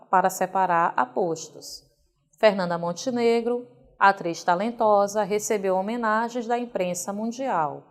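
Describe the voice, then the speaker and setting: This mid-range female voice belongs to a teacher with a Brazilian Portuguese accent. She is recording a video lesson, reading example sentences slowly with careful emphasis.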